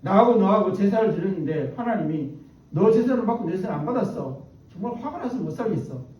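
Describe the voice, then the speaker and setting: A man's voice: high voice, expressive, quick pace, darkish tone, lo-fi sound. A man voicing the resentful, complaining young Cain in a sermon retelling, recorded distant in an echoey hall. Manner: sulky, complaining.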